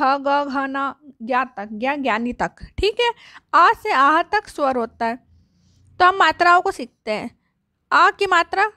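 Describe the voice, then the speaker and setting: A woman teaching young children at a board. She asks questions and answers them herself, and she draws out each letter sound slowly. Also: high-pitched, a bit bright, no room sound, studio quality. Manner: slow, drawn-out sounding of letters.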